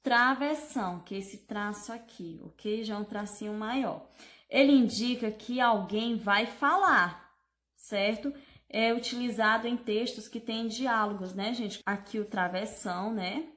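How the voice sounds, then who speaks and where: A woman, a primary school teacher giving a lesson to young children in a slow, sing-song voice, exaggerating her intonation when she reads examples aloud. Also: fairly high pitch, a bit bright.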